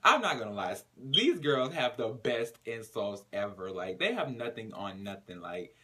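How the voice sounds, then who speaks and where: Animated, profane man recapping a TV episode. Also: mid-range voice, normal speed. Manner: animated, slangy and profane, with dramatic retellings. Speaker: TV recap reviewer.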